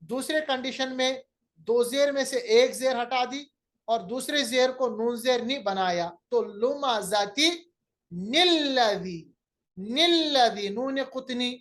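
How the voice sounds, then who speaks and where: Slow-paced male recitation teacher. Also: extremely high pitch. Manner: patient, repeats each rule and example, draws out syllables to model recitation. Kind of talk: classroom lecture on recitation rules.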